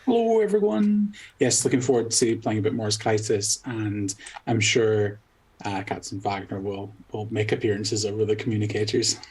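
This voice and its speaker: A man playing in a tabletop game, talking hesitantly in casual chat with many pauses while he searches for words. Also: on the low side, expressive, a little mellow, slightly rough, poor audio. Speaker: player.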